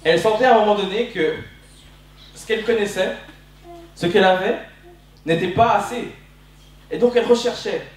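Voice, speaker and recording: A man in his twenties from Belgium speaks at normal speed in a high voice, leaving long pauses as he preaches. The sermon, given during a church hall service, is passionate and emphatic with recurring phrases. Sound is very echoey, taken from a distant microphone.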